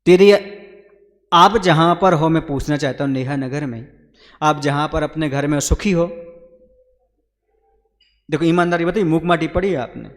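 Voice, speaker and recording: A Jain monk giving a sermon to a gathering, calling listeners brothers and putting questions to them. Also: male voice, a little high, moderate pace, pauses often, big-room sound.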